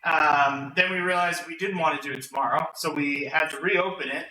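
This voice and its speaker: A man's voice: fairly high pitch, fairly even intonation, fairly quick, sharp tone. A man casually recapping a tabletop game session for his friends, rambling and correcting himself as he goes. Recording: roomy, distant mic, faint hum.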